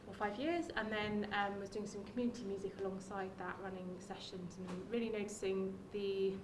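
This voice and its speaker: A woman's voice: medium pitch, steady tone, fairly quick, far from the mic, background noise. Woman presenting in an echoey room. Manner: friendly, many "um"s, speaks to the room. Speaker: early years music practitioner and music therapist. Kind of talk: workshop presentation. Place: workshop room.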